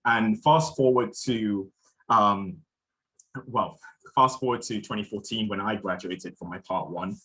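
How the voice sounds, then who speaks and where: A man's voice: fairly low pitch, a little slow, sharp tone, low-quality recording. A young man from Malaysia giving a spoken introduction as a symposium chair, thoughtful, with frequent fillers and restarts.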